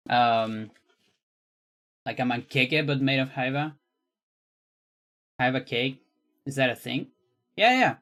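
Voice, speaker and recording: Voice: mid-range voice, fairly bright tone. A streamer from Chile with a Chilean accent and Spanish as a first language, chatting casually and teasingly while playing a game. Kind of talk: casual livestream chat while gaming.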